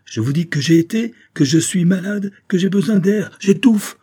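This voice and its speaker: A man's voice: medium pitch, moderate pace, mellow, slightly rough, voice pushed up. A man reading an audiobook and voicing an evasive young woman who answers curtly and flares into anger. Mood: furious. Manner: curt, rising to angry outbursts.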